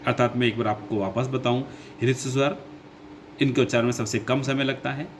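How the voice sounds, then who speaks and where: A man teaching a grammar lesson who goes slowly, repeats his points and asks his own questions before answering them. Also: medium pitch, flat delivery, slight background noise. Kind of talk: classroom lesson explaining grammar.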